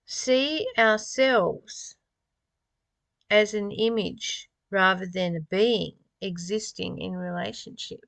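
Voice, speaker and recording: Here a woman with a mid-range, fairly bright, creaky voice reads spiritual writing at a slow pace. She stops to comment informally and reflectively, often through rhetorical questions. No echo is present in the recording.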